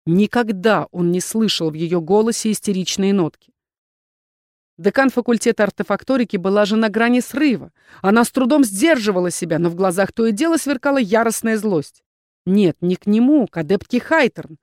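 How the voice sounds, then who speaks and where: A woman narrating a fantasy novel as an audiobook reader, in an even, measured way. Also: medium pitch, no room sound, studio quality.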